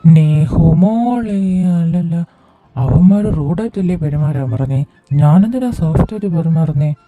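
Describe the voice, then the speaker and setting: A woman voicing a drunken, bossy husband who shouts orders at his wife in a fan audio drama. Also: fairly low pitch, expressive, measured pace, no room sound, narrow, tinny audio. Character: drunken blustering husband, adult man.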